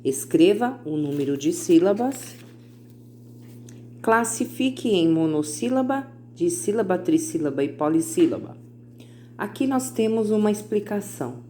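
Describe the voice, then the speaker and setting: A woman teacher recording a video lesson for children, with patient explanations and slowly stretched-out example words. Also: on the low side, sing-song, warm tone, a little hiss or hum.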